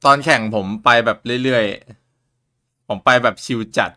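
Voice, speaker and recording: A man's voice: mid-range voice, slow pace, bright, forceful tone. A man live-streaming a watch party, chatting casually with loose, crude, joking banter.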